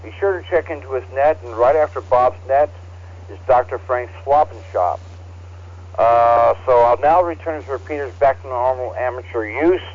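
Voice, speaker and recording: A man acting as net control on an amateur radio net, heard over a ham radio transceiver, reading call signs in a relaxed, halting way. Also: mid-range voice. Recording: dull, lo-fi radio audio.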